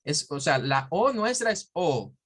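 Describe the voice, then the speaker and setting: Male teacher drilling English words slowly. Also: on the high side, big pitch swings, a bit bright, husky. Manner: slow, drawn-out model words repeated several times; explanatory, often checking with "¿verdad?". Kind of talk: pronunciation lesson.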